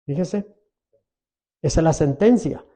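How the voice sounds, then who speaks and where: A man's voice: fairly high pitch, animated, a little slow, dark tone. A middle-aged man preaching a sermon as pastor, earnest and pleading, often asking his congregation questions.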